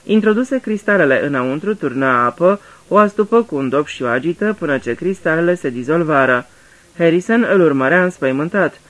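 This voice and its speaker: A man narrating a mystery in a radio drama reading, measured and even. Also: fairly high pitch.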